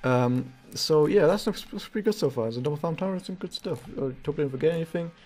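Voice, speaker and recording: A man's voice: a little high, quick pace, a little mellow. A man hosting a casual gaming news vlog, rambling with frequent restarts as he talks viewers through an in-game event. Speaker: gaming news channel host. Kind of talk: casual gameplay commentary vlog.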